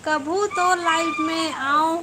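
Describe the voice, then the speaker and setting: A woman's voice: extremely high pitch, fairly even intonation, slow pace, background noise. A woman with a Chhattisgarhi accent hosting a casual live stream, teasing and bantering with viewers by name.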